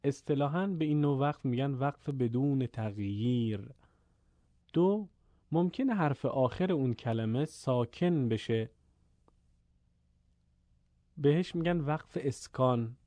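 A man teaching the rules of pausing in Quran recitation, explaining calmly and stopping to chant short verses slowly. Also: mid-range voice, dry recording, muffled recording. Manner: asks the listener questions and answers them. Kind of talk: tajweed lesson with recited examples.

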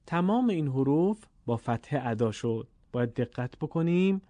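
A man's voice: mid-range voice, animated, warm tone, no room sound. A man with a Persian accent teaching Quranic Arabic vowel lengths, patiently drawing out each sound in a classroom-style lesson. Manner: patient, repeats sounds slowly and deliberately.

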